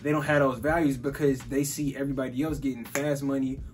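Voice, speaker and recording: Faint music sits behind this twenties podcast host from Chicago, whose mid-range voice stays fairly flat and moves at a quick pace. He talks about business and money in an easygoing way, leaning on "bro" and "like" constantly.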